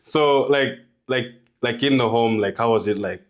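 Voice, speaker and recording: A man's voice: medium pitch, moderate pace. A man hosting a podcast who talks in a laid-back way, often laughing and filling his questions with "like". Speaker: podcast host. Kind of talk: casual podcast interview.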